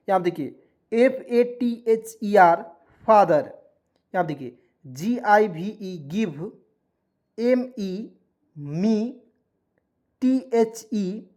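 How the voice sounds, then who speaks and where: Male online tutor, unhurried, patient, spells words out and checks in often. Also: sits high. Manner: patient, repeats each word and checks in with the listener. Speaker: English teacher.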